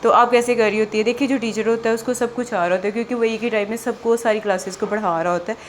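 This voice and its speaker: A woman's voice: a little high, fairly even intonation, quick pace. Woman, chatty tutor, screen walkthrough, faint hiss behind. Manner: chatty, repeats "theek hai" and "ye dekhiye". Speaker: exam prep teacher.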